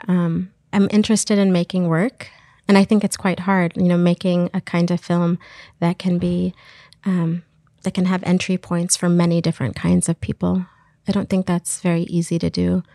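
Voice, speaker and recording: A filmmaker guest from Iraq talks thoughtfully about her work in an interview, searching for her words as she reflects. Her voice is on the low side and mellow, captured in a dry recording with clean studio sound.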